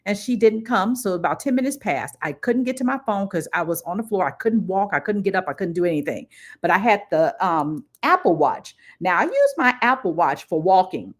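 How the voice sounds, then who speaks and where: A woman's voice: mid-range voice, brisk. A middle-aged woman, the host of her own livestream, telling a personal story casually and acting out what people said. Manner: lively storyteller who acts out what people said. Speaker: livestream host and career coach.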